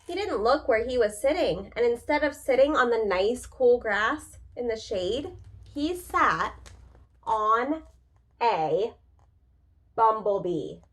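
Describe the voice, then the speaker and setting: Female preschool story reader: high register, very lively intonation, expressive delivery aimed straight at little kids. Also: slow, poor audio. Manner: expressive, talks directly to young listeners with questions. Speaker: preschool teacher reading aloud. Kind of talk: animated picture-book read-aloud for young children.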